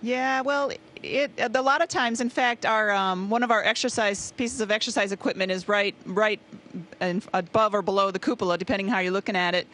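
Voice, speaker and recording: A woman's voice: mid-range voice, fairly quick. A woman speaking as an astronaut in a casual, conversational interview. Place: aboard a space station. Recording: faint equipment hum. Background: faint steady ambient noise.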